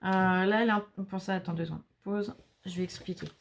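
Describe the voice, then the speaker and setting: A woman's voice: medium pitch, steady tone, fast, vocal fry. A woman hosting a craft video, chatting in a reassuring way and reading viewers' notes aloud. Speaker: craft channel host. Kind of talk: casual chat.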